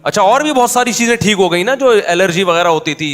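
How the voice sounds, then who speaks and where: A middle-aged man preaches in a loose, storytelling manner, pitched a little high for a man. He jokes and turns to his listeners as if chatting with friends. Soft music sits far behind him. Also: lively intonation, quick pace. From Pakistan. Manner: chatty, humorous storytelling, addresses listeners directly. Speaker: Islamic preacher. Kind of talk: informal religious talk with anecdotes.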